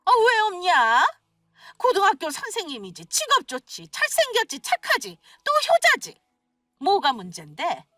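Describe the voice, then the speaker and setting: Lady playing a shrill nagging older mother-in-law, voice swooping way up and down, kinda far from the mic. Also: wildly swooping pitch, measured pace, bright, forceful tone, no echo, clean studio sound, soft background music, heavily acted. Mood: furious. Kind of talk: scripted radio story acting.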